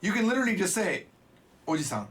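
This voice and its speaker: A man teaching Japanese in a relaxed, casual way, full of joking asides. His voice sits a little high and swings widely up and down. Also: brisk. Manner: playful, jokey asides. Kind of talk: casual spoken lesson.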